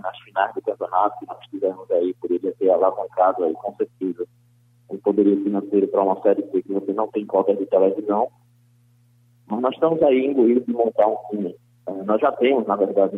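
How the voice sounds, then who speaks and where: A man, a football club director, giving a phone interview on sports radio over a landline phone, speaking in a measured, formal way with frequent fillers. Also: on the low side, husky, dry recording. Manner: measured, formal, fills pauses with "né" and "aí". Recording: tinny phone line, dry.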